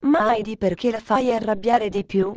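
A woman voicing a gentle young girl from a wealthy home in a storybook reading, speaking in a pleading way. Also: a little high, normal speed, highs cut off, a crowd in the background, close to an everyday voice.

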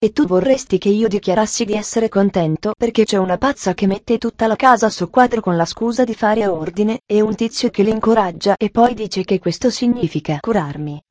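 A woman reading the part of a grumpy, bedridden older man in an audiobook, gruff and sarcastic. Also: medium pitch, fairly quick, few pauses, darkish tone, dry recording, lightly acted.

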